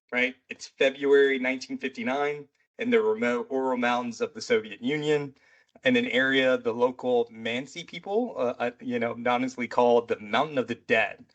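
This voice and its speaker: Male podcast host, mid-pitched, casual, chatty and rambling, military background. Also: fairly even intonation, moderate pace, a bit bright, highs cut off. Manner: loose and rambling, full of "you know" and "right". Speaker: military veteran.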